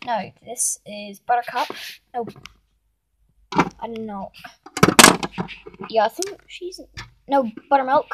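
Holding her phone camera, a young woman shows off her toy horse barn in a carpeted room at home, speaking hesitantly with many ums and self-corrections. Her voice is a little high, and there's background noise.

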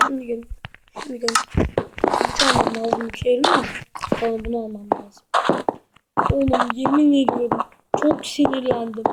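A high-pitched woman talking through a video game in casual, chatty commentary. She swings between muttering to herself and frustrated outbursts. Loud noise and clicking sit under the whole recording. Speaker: gamer.

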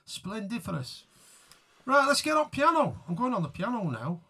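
A man's voice: sits high, wildly swooping pitch, normal speed, vocal fry, pushed and bright, breathy edge. A man chatting casually to live viewers between songs, rambling and self-mocking as he greets people by name. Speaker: musician hosting a live tribute stream.

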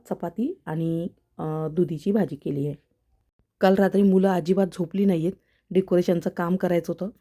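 A woman's voice: mid-range voice, mellow. A middle-aged woman, talking casually to viewers in a homely cooking vlog. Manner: chatty, homely, addresses viewers directly. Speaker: vlogger, mother.

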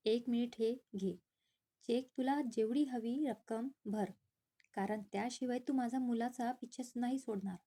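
A woman's voice: fairly high pitch, moderate pace, dark tone. Woman voicing a scornful wealthy father. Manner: accusing, scornful. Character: stern wealthy older father, contemptuous.

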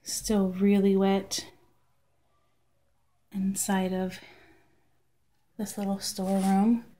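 Slow, hesitant woman touring a basement. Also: mid-range voice, completely flat delivery, dark tone, a little hiss or hum. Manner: slow, hesitant, thinking aloud with frequent throat clearing. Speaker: property inspector. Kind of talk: casual walkthrough narration. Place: damp basement, indoors. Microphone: phone camera held while walking.

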